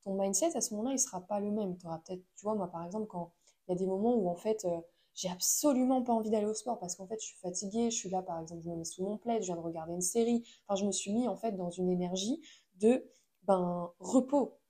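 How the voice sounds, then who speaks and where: A woman's voice: medium pitch, fast talker, warm tone. A woman giving a casual motivational talk in French, chatty and addressing the listener directly, with frequent fillers.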